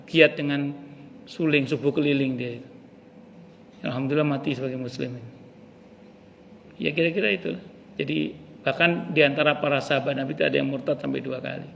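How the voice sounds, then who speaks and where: A slightly high, creaky, somewhat bright voice belongs to a male ustaz giving an easygoing study-circle sermon. Speaking plainly in a mosque hall, he acts out quotes within his stories, recorded with noticeable reverb and a soft hiss.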